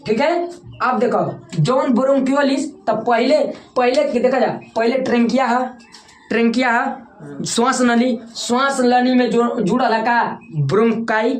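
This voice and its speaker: A woman with a Bhojpuri-tinged Hindi accent, teaching a classroom lecture. She repeats key terms and keeps asking the students to say them back. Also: on the high side. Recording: echoey room with faint background noise.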